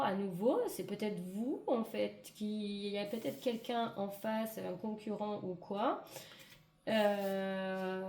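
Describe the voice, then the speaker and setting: A woman doing a casual, improvised card reading for viewers, hesitant and searching for words, her hoarse voice giving out. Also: mid-range voice, mellow. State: hoarse voice giving out, clearing throat. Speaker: tarot and oracle card reader. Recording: echoey room with clear background noise.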